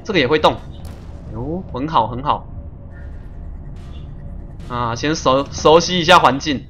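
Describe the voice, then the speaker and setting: A man streaming a puzzle game live, chatty and excitable, laughing often and making little sound-effect noises as he plays. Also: fairly high pitch, unhurried, dull audio, soft background music. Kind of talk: live gameplay commentary.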